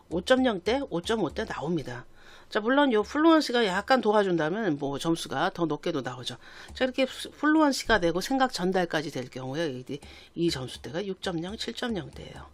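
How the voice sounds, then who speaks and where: A man lecturing as an exam-prep instructor, with a lively pitch that rises and falls as he talks. He keeps checking in with his students through rhetorical questions. The sound is dry and close, with no room echo. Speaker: IELTS instructor. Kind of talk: recorded lecture.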